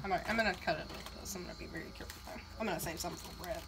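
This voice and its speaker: A young adult woman hosting a snack-tasting vlog, excitable and reading labels aloud in casual chat. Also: lowish voice, racing. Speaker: vlog host. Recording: noisy home recording.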